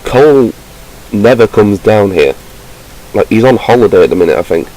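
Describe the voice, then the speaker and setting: A man's voice: fairly low pitch, lively intonation, moderate pace, mellow, low-quality recording. A man giving casual, wry commentary while playing a story game and reading letters aloud. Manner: chatty, wry asides. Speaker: gameplay commentator.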